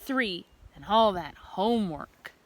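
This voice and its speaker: Speaking slowly and expressively in a mid-range voice, the woman carries on reading the children's book outdoors in a communal riverside space. Like a teacher, she adds chatty asides and questions for the kids. The recording is noisy, captured outside.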